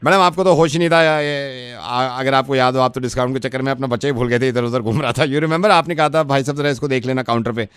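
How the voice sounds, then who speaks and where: A man's voice: medium pitch, quick pace, hardly any pauses, a bit bright, clean tone, no echo, studio quality. A man hosting a radio prank call, playing innocent while he needles the person on the line. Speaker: radio host making prank calls.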